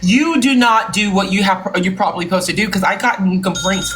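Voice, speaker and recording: A live-stream host playing a company boss in improvised comedy, talking in a mock-formal, drawn-out way. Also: medium pitch, fairly bright tone, soft background music. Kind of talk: improvised comedy role-play with callers.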